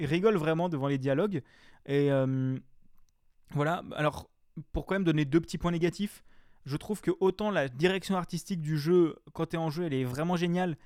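A man's voice: fairly high pitch, a little mellow, clean tone, no room sound, studio quality. Rambling, foul-mouthed young man. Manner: rambling, slangy and profane, with many fillers. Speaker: game reviewer on a stream. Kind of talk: casual chat.

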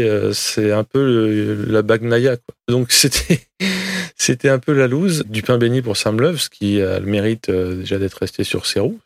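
Guy doing motorsport commentary race recap, slangy and jokey, bit of gravel, no room echo. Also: medium pitch. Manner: colloquial, joking, slangy.

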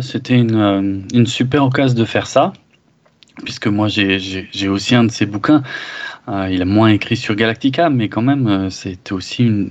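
A man co-hosting a podcast in casual chat, enthusiastic but halting, full of fillers. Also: medium pitch. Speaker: podcast co-host. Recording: dull lo-fi sound.

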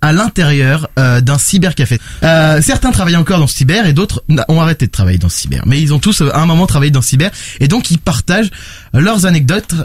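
A man chats through his favourite podcast picks with an enthusiastic, rambling energy, full of fillers and restarts. His voice sits a little high, and the sound is dry and close. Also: very animated, fast talker, no echo. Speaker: podcast reviewer presenting picks. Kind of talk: casual podcast review.

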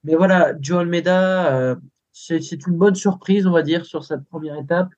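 A male pundit giving halting cycling analysis over a remote connection. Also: fairly high pitch, a little mellow. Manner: halting, searching for words. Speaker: co-host pundit. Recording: dull remote line.

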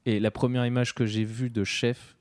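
A man's voice: mid-range voice, flat delivery, normal speed, darkish tone, no room sound, clean studio sound. A man from southern France chatting casually on a podcast, joking and swearing freely. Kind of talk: casual chat.

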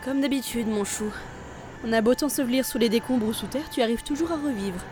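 A woman's voice: a little high, a little fast, background noise, lightly acted. A woman playing a coldly mocking seductress. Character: cruel, mocking seductress who wants her lover dead.

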